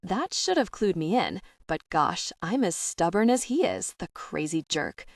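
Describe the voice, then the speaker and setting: A woman narrates a first-person romance audiobook with wry, expressive storytelling. Her voice sits a little low. The recording is dry and she sounds set back from the microphone. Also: a little slow, no echo, distant mic.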